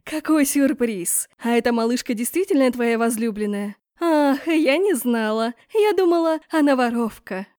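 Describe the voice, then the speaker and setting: A shrill, hysterical empress, put on by a woman reader shrieks her orders in a raised, loud voice. She is haughty and quick to scream, with a dry, close sound and no room echo. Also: natural voice. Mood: sneering.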